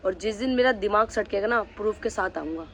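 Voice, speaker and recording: A man's voice: high-pitched, a little fast, a bit bright. Angry young man ranting in a vlog. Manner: heated, confrontational, addressing someone directly. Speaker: vlogger.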